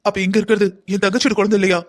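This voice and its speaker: A voice actor doing a scolding cartoon elder sister. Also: female voice, mid-range voice, flat delivery, rapid-fire, lightly acted. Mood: confronting. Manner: scolding, agitated. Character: elder sister, anxious and confronting. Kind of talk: cartoon voice acting.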